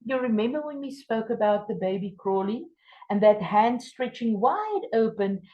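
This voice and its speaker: A South African woman with an Afrikaans accent gives a workshop lecture to trainee teachers in English, her second language. She speaks emphatically and expressively at a moderate pace, punching key words with sudden leaps in pitch. The audio sounds dull.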